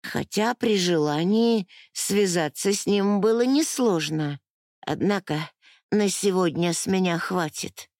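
A woman narrating a novel in first person with measured, even storytelling. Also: on the low side, dry recording, clean studio sound. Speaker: audiobook narrator.

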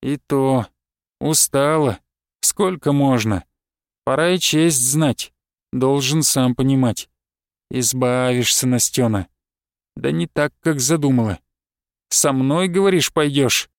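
A man's voice: mid-range voice, vocal fry, dry recording, studio quality. A man reading aloud and voicing a spiteful, embittered husband who drags his words out with a sneer and flares into angry outbursts. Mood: sneering bitter. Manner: sneering, drawn-out, flaring into shouts.

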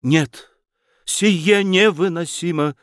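Man playing a theatrical young gentleman, high-strung, soaring and swooping, storybook reading. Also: expressive, takes it slowly, dry recording, studio quality, exaggerated voice. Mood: exasperated. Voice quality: exclaiming, high-flown, pleading. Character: lofty dreamy young nobleman, theatrical and exasperated.

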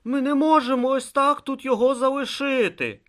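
A reader voicing an exhausted, stubborn young novice monk who speaks slowly and with strain in an audiobook. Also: sits high, pitched above the performer's own voice, lightly acted. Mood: strained resolve. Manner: slow, strained, determined. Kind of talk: audiobook character voice.

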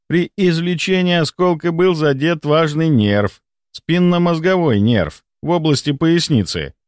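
A man reading a first-person audiobook in an expressive, animated manner. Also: mid-range voice, dry recording, studio quality. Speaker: audiobook narrator. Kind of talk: scripted first-person narration.

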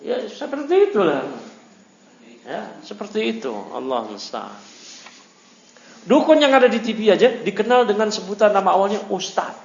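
A man with an Indonesian accent giving a religious study lecture, talking in a lively, conversational way and throwing in rhetorical questions. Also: sits high, moderate pace, gravelly, pauses often, slight background noise. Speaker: Islamic teacher. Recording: echoey, dull amateur lecture recording.

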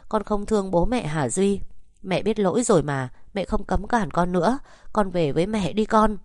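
A woman's voice: fairly low pitch, lively intonation, moderate pace, mellow, dry recording, clean studio sound, natural voice. A woman voicing a distraught middle-aged mother who sobs and begs her son to come home. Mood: tearful pleading. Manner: sobbing, pleading.

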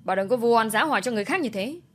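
A woman's voice: a little high, lively intonation, racing, voice pushed up. A woman voicing an angry young husband defending his wife in a storybook reading. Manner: forceful, indignant.

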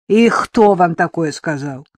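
A woman's voice: on the low side, expressive, unhurried, no room sound, studio quality. A woman voicing a terse, wary old village woman who speaks in a rural Belarusian-tinged dialect, for an audiobook. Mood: gruff, wary.

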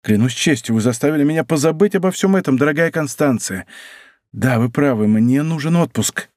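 A man's voice: on the high side, lively intonation, a little fast, darkish tone, dry recording, studio quality, natural voice. A male audiobook reader voicing an ardent, impulsive young nobleman, raising his voice eagerly. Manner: eager, exclamatory, raised voice. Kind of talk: audiobook character reading.

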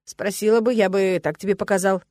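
A woman voicing an easygoing, curious young male necromancer who speaks calmly and with a mild tease. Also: medium pitch, fairly quick, dry recording, studio quality, natural voice.

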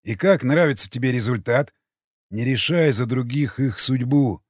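A man reading a gruff swearing cannibal. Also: medium pitch, normal speed, no echo, clean studio sound, lightly acted. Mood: scornful. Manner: coarse, swearing, threatening. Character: gruff hulking cannibal man, blunt and menacing. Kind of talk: audiobook character reading.

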